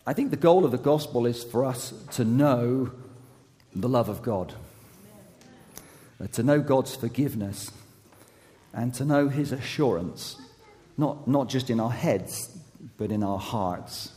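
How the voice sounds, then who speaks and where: A mid-range male voice, hoarse and fading, belongs to an associate youth pastor giving a sermon. He speaks haltingly, restarting and using many fillers, and pokes gentle fun at himself; the church sanctuary adds long hall reverb.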